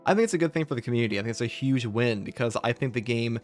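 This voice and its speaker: A medium-pitched man fires off his words rapidly as host of a video game channel. Background music sits under his casual, conversational gaming commentary, which is heavy on opinions.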